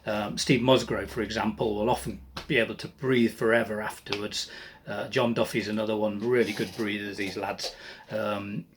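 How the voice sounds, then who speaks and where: A man leading a choir breathing warm-up, counting slowly and calmly with friendly asides to his singers. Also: fairly low pitch, slight background noise. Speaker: choir leader. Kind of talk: breathing exercise lesson.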